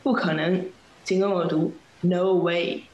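A woman teaching English in Chinese, reading lesson dialogues and explaining phrases with clear, steady classroom reading. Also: fairly low pitch, unhurried, lo-fi sound, a little hiss or hum. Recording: echoey room.

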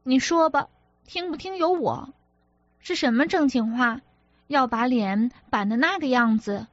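Brief: woman reader doing a petulant young wife, sharp-tongued and hurt, slow and high, audiobook character voice. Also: no room sound, dull audio. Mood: indignant. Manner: reproachful, sulky, sharp-tongued.

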